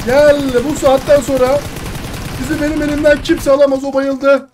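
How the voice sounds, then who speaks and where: A woman hosting a mobile shooter gameplay video, commenting in a loud, playful way and swearing at rivals. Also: high voice, flat delivery, moderate pace, background noise. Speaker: gaming video host.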